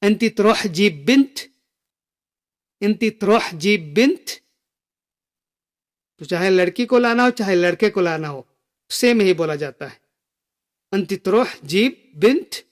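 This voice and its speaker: Slow, high-voiced man teaching a lesson. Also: lively intonation. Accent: Gulf Arabic phrases within Hindi speech. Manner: repeats each phrase slowly for learners. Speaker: Arabic teacher. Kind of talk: slow spoken language lesson.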